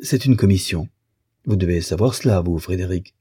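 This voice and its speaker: A man's voice: deep voice, normal speed, dark tone, husky, no echo, clean studio sound. A man voicing an evasive, blustering middle-aged husband who protests in a flustered way.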